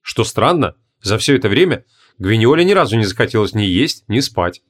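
A man reading a fantasy audiobook in measured, deliberate narration. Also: lowish voice, big pitch swings. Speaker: audiobook reader. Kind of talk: scripted narration.

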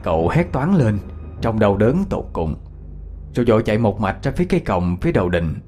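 A man narrating a ghost story, expressive and dramatic. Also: on the low side, a little fast, a little hiss or hum. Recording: faint background music.

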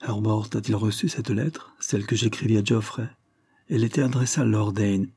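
A man's voice: fairly low pitch, normal speed, warm tone, husky. A man voicing an anxious shaken noblewoman. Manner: urgent, questioning.

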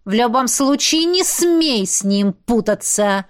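A woman reading an audiobook, voicing a jealous, spiteful young blonde witch student with a shrill, accusing delivery. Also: big pitch swings, fairly quick. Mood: snapping.

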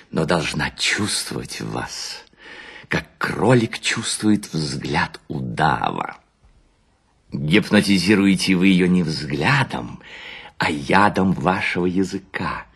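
In a theatrical literary monologue, an actor plays a worn-out, balding seducer who suavely lectures on his sly craft, savoring words and humming between them. His bass voice is creaky, a bit bright, slightly rough, and heavily acted.

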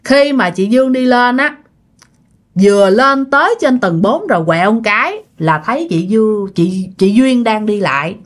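Brief: a woman narrating a ghost story, casual and chatty, slightly high voice. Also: lively intonation, normal speed. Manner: chatty, addresses listeners directly.

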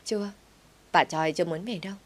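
A woman's voice: fairly low pitch, brisk, close to an everyday voice. A woman reading an audio story, voicing a clumsy, pampered young woman who runs a company, talking in a whiny, pleading way.

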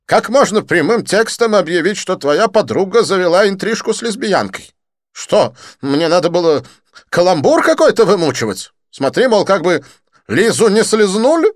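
A flamboyant, easily offended gossip, audiobook role: very high, blaring, dry close sound. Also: male voice, big pitch swings, normal speed, dry recording. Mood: wounded, pleading. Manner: shrill, exclamatory, huffy. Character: excitable, theatrical gossiping man, quick-tempered and dramatic. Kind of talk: audiobook character voice.

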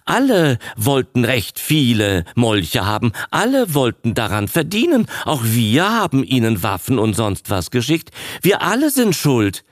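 A man voicing a gruff grown son who roughly and urgently reassures his old father in a dramatized audiobook. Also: mid-range voice, sing-song, measured pace, few pauses, no echo, studio quality, pitched above the performer's own voice. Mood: insistent.

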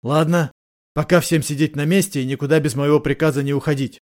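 A man's voice: a little high, steady tone, fast, darkish tone, natural voice. A man voicing a tough male police officer who gives short, firm commands. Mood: terse. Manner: barking curt orders.

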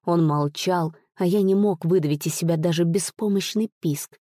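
A woman narrating an audiobook in an expressive, measured storytelling manner. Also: lowish voice, no echo, clean studio sound. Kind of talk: audiobook reading.

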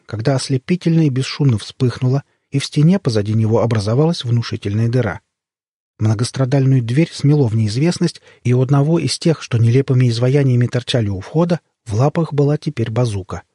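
Husky guy reading a funny story, wry and expressive, dry close mic. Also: medium pitch, no echo. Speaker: audiobook narrator. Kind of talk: scripted storybook narration.

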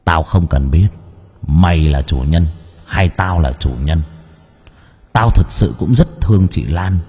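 A man's voice: deep voice, a little slow, mellow, slightly rough, in a large hall, voice pushed down, exaggerated voice. A man voicing a troubled young male student in an audiobook, defensive and strained.

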